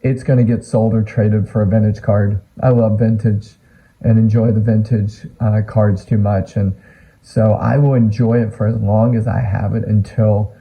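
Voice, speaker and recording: A man with a raspy, worn-out voice, hoarse from a week of teaching, chatting casually and earnestly to camera with lots of ums as he talks about his card collection. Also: on the low side, little pitch movement, moderate pace, warm tone. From Atlanta, United States. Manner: rambling, earnest, many ums. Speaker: sports card collecting YouTuber. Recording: phone-like narrow sound.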